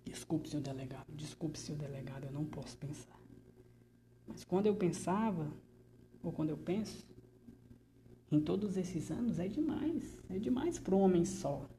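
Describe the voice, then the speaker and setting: A woman's voice: mid-range voice, lively intonation, measured pace, background noise, lightly acted. A woman playing a frightened male artist under interrogation, who stammers nervously and slips into whispers in a theatrical monologue. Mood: wry.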